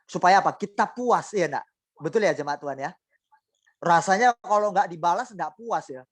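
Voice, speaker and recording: A man's voice: high voice, normal speed, dry recording. A male pastor preaching a sermon, asking his congregation rhetorical questions and often acting out quoted voices.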